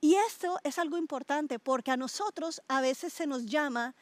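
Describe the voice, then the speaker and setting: A woman's voice: high-pitched, normal speed, no room sound. A middle-aged woman pastor from Colombia, preaching in a conversational way and asking her listeners questions. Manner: animated, asks listeners questions, stretches words for emphasis. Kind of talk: conversational sermon to a small group.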